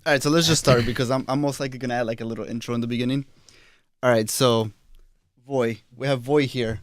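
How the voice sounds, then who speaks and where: A man's voice: mid-range voice, fairly even intonation, quick pace, no room sound, studio quality. A young man hosting a casual podcast, asking loose, joking questions with plenty of fillers. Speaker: podcast host.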